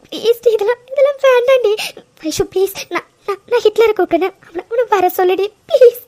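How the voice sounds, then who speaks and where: A woman's voice: extremely high pitch, fairly quick, warm tone. A woman voicing a tearful young woman who begs through sobs and stammers, in a cartoon. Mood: crying, pleading. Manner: sobbing, stammering pleas. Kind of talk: cartoon voice acting.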